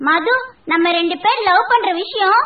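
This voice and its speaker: A woman's voice: very high voice, a little slow, distant mic. An actress playing an earnest, naive young woman in love. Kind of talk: comedy film dialogue. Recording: tinny lo-fi echoey film audio.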